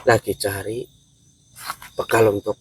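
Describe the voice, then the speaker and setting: A man, soft and hesitant in his halting speech, met outdoors at night. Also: on the low side, flat delivery, husky, low-quality recording.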